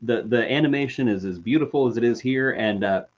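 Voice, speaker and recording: A man's voice: mid-range voice, brisk. A man co-hosting a casual chat, joking and rambling. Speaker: co-host. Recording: dull lo-fi audio.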